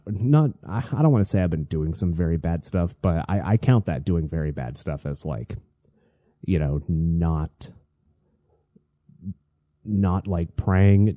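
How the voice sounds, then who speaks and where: Very dark, low-voiced man, talking casually. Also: dry recording, studio quality. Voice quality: slightly stuffy. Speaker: host of a solo online show. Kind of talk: casual, confessional monologue.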